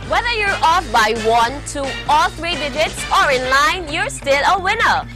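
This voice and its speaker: A young woman presenting a scripted televised lottery draw, announcing numbers in a formal, measured way. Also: high voice, expressive. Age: young adult. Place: TV studio. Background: faint music.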